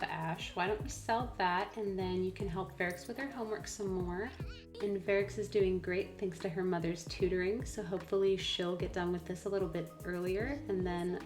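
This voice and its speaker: A woman's voice: medium pitch, reverberant. A woman giving casual, chatty let's play commentary as a gaming video creator, often talking directly to the characters. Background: background music.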